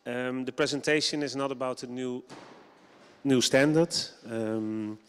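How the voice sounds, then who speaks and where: A man's voice: medium pitch, fairly even intonation, measured pace, smooth. A man from the Netherlands, giving a conference presentation in English and explaining steadily with frequent ums. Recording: long hall reverb.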